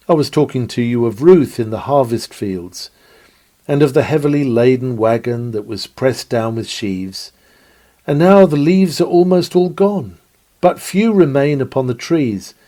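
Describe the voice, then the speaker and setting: In a medium-pitched voice with a dark tone, a man serving as sermon reader and preacher dramatically reads aloud an old-fashioned 19th-century sermon. His delivery is earnest and oratorical, full of formal, dramatic phrasing.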